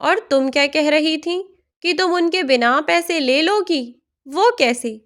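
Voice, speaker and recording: A woman voicing a gentle pleading mother-in-law. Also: sits high, slow.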